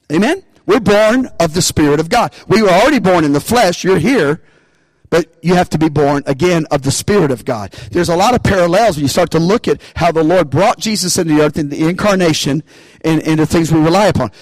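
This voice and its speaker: A man's voice: high voice, no room sound, low-quality recording. A man preaching a sermon, calling out to the congregation for responses and rising into bursts of emphasis. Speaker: pastor.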